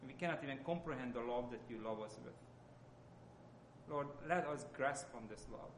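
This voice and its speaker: With slight noise in the background, a lay church speaker gives an informal sermon in a medium-pitched voice. He has a Hungarian accent and often pauses mid-thought, searching for the right words.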